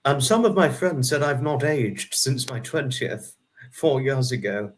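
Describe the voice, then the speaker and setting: A young man in his twenties hosts a laid-back livestream, chatting and answering viewer comments by name in a rambling, friendly way. His voice sits at a medium pitch with a measured pace, and he restarts number sums aloud.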